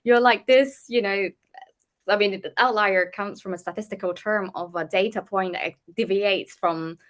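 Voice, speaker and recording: A woman's voice: medium pitch, moderate pace. Engaged woman interviewer from Asia. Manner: engaged, reflective, relates guest's story to her own. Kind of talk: casual interview.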